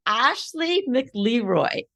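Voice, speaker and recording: A woman's voice: a little high, sing-song, extremely slow, fairly bright tone. A middle-aged woman hosting a podcast, chatting in a casual, teasing, conversational way. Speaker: podcast host. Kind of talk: casual chat.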